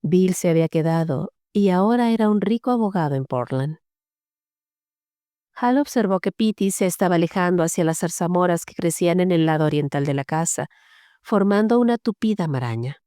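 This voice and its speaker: Dark-voiced woman narrating a story. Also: on the low side, animated, brisk, clear, resonant tone, no echo, studio quality. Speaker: audiobook narrator. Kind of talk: scripted narration of a horror story.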